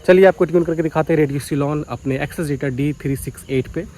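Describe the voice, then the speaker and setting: Standing in a village near paddy fields, this man talks at a quick pace in a fairly high, warm voice. His vlog is casual and explanatory, addressed straight to his viewers.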